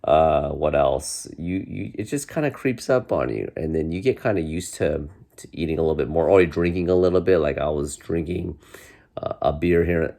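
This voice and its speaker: A man in his forties, congested while getting over a cold, chats casually to camera from his bedroom as a vlogger, rambling with many restarts and fillers. His deep voice is creaky with a dark tone.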